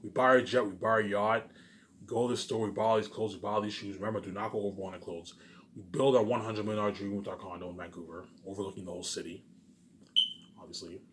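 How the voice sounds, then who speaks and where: This vlogger has a fairly low, steady voice and speaks fast, with a little hiss or hum on the recording. His unscripted monologue wanders, and he's emphatic and repetitive, looping back over phrases and occasionally swearing.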